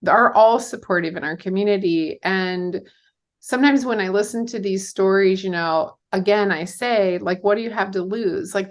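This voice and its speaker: Low-voiced woman hosting a chatty podcast. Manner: conversational, many fillers like "you know". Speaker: podcast host. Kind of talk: casual interview talk.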